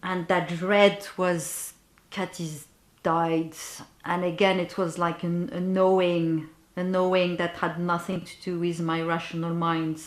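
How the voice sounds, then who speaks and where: A woman who works as a bereavement guide tells a personal story to the camera, slowly and reflectively, often pausing to search for words. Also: fairly low pitch, level tone. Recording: roomy echo.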